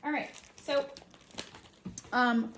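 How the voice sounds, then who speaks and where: A woman's voice: a little high, steady tone, extremely slow, a bit bright, a little hiss or hum. A woman co-hosting a casual chat. She is giggly, self-deprecating and supportive. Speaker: co-host.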